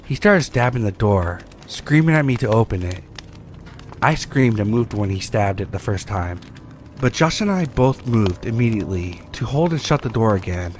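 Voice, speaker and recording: A man reading a first-person true horror story aloud as scripted narration, in a steady, measured delivery. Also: lowish voice, slight background noise.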